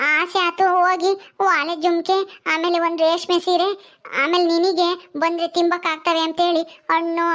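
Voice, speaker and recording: A woman's voice: very high-pitched, a bit bright. A woman playing a tearful young village wife who pleads and pities herself, speaking. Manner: tearful, pleading, with many drawn-out "hmm"s.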